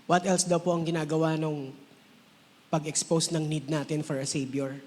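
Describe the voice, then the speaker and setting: A man preaching a sermon in a relaxed, conversational way, now and then acting out the voices of the people he quotes. His voice sits fairly high. The room gives it a long, ringing reverb. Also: normal speed. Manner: conversational, mixes English phrases, acts out quoted voices. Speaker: pastor.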